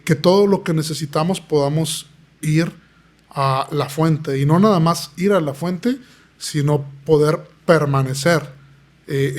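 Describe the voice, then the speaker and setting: Pastor guy, earnest preachy tone, voice a bit on the high side. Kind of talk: podcast interview testimony.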